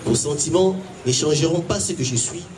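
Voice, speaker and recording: A man reads his fiction aloud in a solemn, dramatic way, his voice set a little high. He sits well back from the mic, with clear noise filling the space around him at a festival event. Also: fast talker. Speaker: author reading his story. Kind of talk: public reading of fiction. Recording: distant mic in noisy venue.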